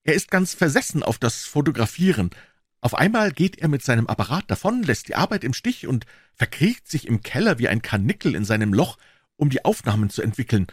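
A man voicing an excitable middle-aged pawnbroker who talks in high, eager exclamations in an audiobook. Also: a little fast, husky, dry recording, clean studio sound. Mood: chatty. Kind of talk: audiobook character voice.

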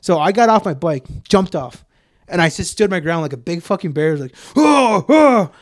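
A young man co-hosting a podcast, telling stories in a loose, profane, animated way with plenty of fillers. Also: on the high side, fairly quick, no room sound, studio quality. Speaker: podcast co-host. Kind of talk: casual storytelling chat.

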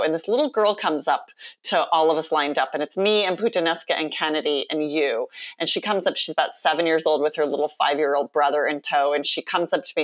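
Laughing, animated woman storyteller. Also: sits low. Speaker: author and drag performer guest. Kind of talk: casual podcast interview.

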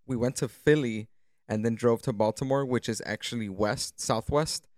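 A man's voice: mid-range voice, moderate pace, no echo, clean studio sound. A man on a podcast in natural, unscripted casual talk, telling stories with slangy, profane enthusiasm. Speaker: podcast guest or co-host.

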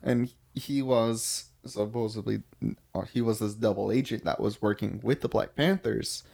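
A man co-hosting a casual film review chat, relaxed and often searching for words. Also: fairly low pitch, moderate pace, vocal fry. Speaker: podcast co-host.

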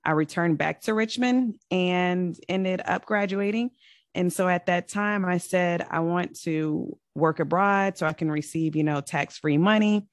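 A woman's voice: fairly low pitch, a little slow, no echo, clean studio sound. A woman from Virginia, a podcast guest, telling her story in an upbeat, chatty way. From Virginia, United States. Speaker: podcast guest, real estate investor. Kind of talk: casual interview talk.

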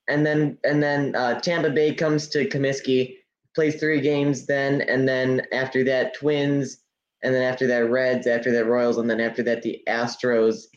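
A teenage boy co-hosting a casual podcast, teasing his friend and listing with many uhs. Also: mid-range voice. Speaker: podcast co-host. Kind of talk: casual chat. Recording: echoey, dull lo-fi mic.

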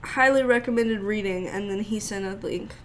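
A woman's voice: mid-range voice, moderate pace, a bit bright, a little hiss or hum. A woman from the Southern United States co-hosting a podcast, bantering playfully in casual chat. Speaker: podcast co-host.

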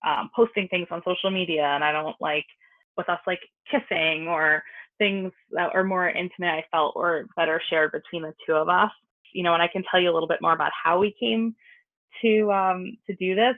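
A woman chatting informally as a podcast guest, heard over a tinny remote line. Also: low-pitched. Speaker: podcast guest, wedding photographer. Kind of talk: casual interview chat.

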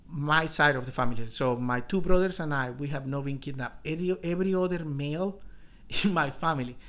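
A middle-aged man from Colombia, a professor telling his life story in an interview, halting with many restarts. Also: a little high, a bit bright. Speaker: professor, guest.

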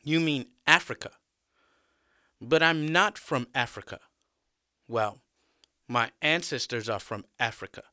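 A man voicing a patient, principled male teacher in a spoken story, earnest and clear. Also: medium pitch, animated, unhurried, pauses often, sharp tone, dry recording, clean studio sound.

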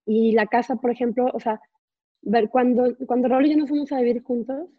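A Mexican woman in her forties talks through her story as an interview guest, circling back with fillers and little asides. Her voice sits a bit high. It comes over a video call that sounds dull and lo-fi. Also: little pitch movement, brisk. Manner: chatty, many fillers and asides, laughs while telling stories. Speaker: guest entrepreneur.

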